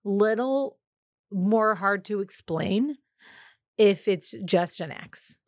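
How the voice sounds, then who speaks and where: A woman's voice: medium pitch, animated, slow, darkish tone, dry recording, studio quality. A woman co-hosting a casual advice podcast, chatty and opinionated, with many filler words. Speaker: podcast co-host.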